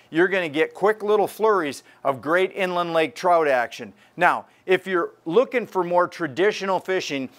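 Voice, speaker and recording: A man's voice: sits high, a bit bright. A man in his sixties hosting a fishing report, talking energetically to camera from inside a tackle store.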